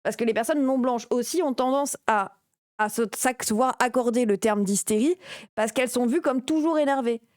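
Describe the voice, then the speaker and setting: A young woman with a high, bright-pitched voice chats through a live-stream reaction, loose and full of fillers. She leans on sarcasm as she comments. The sound is dry and close, with no room around it. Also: normal speed, no echo. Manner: sarcastic, chatty, many fillers.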